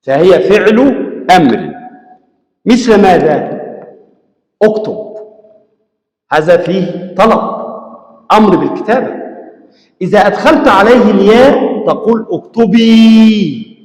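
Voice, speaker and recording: A man teaching a classroom grammar lesson, explaining step by step, asking his students questions and drilling examples slowly. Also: high voice, very animated. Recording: echoey hall with long reverb.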